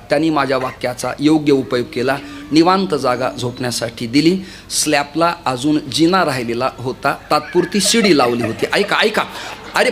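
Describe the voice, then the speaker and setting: A man preaching a kirtan sermon, telling stories and repeatedly urging the audience to listen. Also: mid-range voice. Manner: lively storytelling, often urging listeners to listen.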